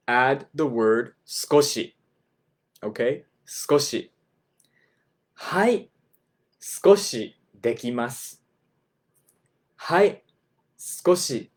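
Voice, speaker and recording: A man teaching a beginners' language class, speaking slowly and patiently, repeating phrases and checking in with "right?". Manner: models phrases with a raised, lilting pitch.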